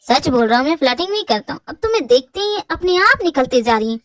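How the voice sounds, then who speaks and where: A woman's voice: sits high, very animated, fast talker, dry recording. A woman voicing several roles in a hobby audio drama, teasing and bantering. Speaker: fan-fiction voice actor.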